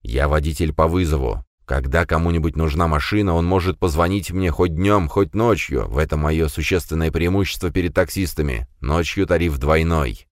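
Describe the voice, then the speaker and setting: A male narrator voicing a defiant, hot-tempered suspect who shouts denials. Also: extremely low pitch, moderate pace, hardly any pauses, no echo, studio quality. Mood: curt. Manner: angry, denying, shouting outbursts.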